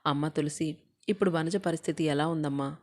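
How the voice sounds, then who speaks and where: A woman's voice: low voice, fairly quick, a little mellow, natural voice. A woman voicing a remorseful older mother-in-law who begs forgiveness through tears.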